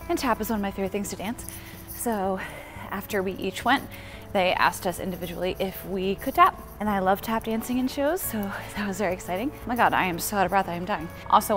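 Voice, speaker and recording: A woman's voice: medium pitch, fairly bright tone, poor audio. Chatty upbeat young woman vlogging. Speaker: vlogger and professional dancer. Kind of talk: casual vlog narration. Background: background music.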